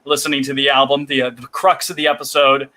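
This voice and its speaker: A man with a mid-pitched, bright, crisp voice, joking with his co-host on a podcast. He teases dryly and laughs at his own bits. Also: level tone, fast, low-quality recording. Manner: wry, teasing, laughs at his own jokes. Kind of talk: casual podcast banter.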